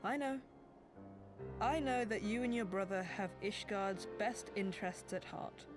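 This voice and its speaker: A woman voicing a meek, gentle servant. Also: mid-range voice, close to an everyday voice. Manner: soft, halting, deferential. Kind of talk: video game voice acting. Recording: loud game music behind.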